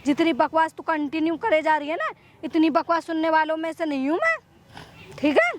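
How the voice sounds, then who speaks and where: A woman playing a bullying, high-voiced daughter-in-law. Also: very animated, brisk, slight background noise. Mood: threatening. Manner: scolding, threatening, repeating orders. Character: cruel, greedy young daughter-in-law bullying her mother-in-law. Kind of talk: staged street skit. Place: outdoors by a river.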